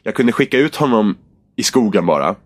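Guy, lowish voice, super animated, tells a story and does all the lines. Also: no room sound. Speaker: podcast co-host telling a gaming story. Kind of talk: casual chat.

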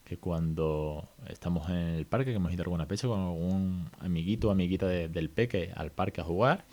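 A middle-aged man with a Spanish accent from Spain, hosting a podcast in a casual, lively monologue, full of restarts and quick checks with his listeners. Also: sits low. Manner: lively, chatty, many restarts and "¿vale?" checks. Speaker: podcast host.

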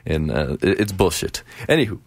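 A man's voice: deep voice, very animated, moderate pace, vocal fry, breathy edge, dry recording. A young man hosting a student radio show, chatting casually in a rambling, jokey way with lots of restarts. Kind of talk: casual chat.

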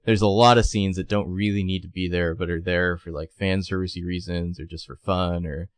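A man's voice: low-pitched, steady tone, a little fast, clean tone, no room sound. A man co-hosting a casual film discussion in an informal, jokey way. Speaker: podcast co-host.

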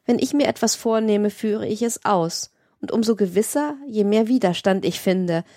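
A woman's voice: medium pitch, moderate pace, mellow, dry recording, lightly acted. An imperious, cold mistress from an audiobook novel reading, voiced by a woman. She speaks in a stern, haughty way, with open contempt. The sound is dry and close. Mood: stern, commanding. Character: cold, imperious woman, commanding her lover.

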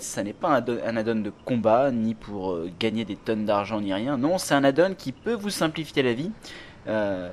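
A man hosts a relaxed gaming podcast in a medium-pitched voice. He talks in a chatty, rambling way, full of fillers and restarts. There is a faint hiss of noise behind him. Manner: chatty, many fillers and self-corrections. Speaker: podcast host. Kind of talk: casual gaming podcast chat.

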